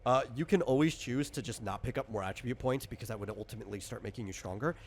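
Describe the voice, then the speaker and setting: With a mid-range voice, a game master talks through tabletop rules in an offhand way, stumbling along, doubling back, and restating points as he goes.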